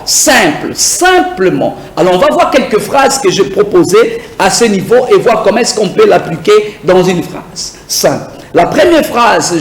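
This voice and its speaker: A man teaching a beginner English lesson, drilling words slowly and having viewers repeat after him. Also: high-pitched, echoey room, low-quality recording. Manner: slow, repetitive drilling, asks viewers to repeat.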